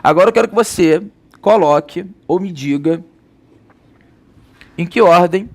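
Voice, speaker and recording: High-voiced Brazilian Portuguese teacher. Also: male voice, unhurried, gravelly. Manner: lively, rhetorical questions answered himself. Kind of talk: recorded classroom lecture.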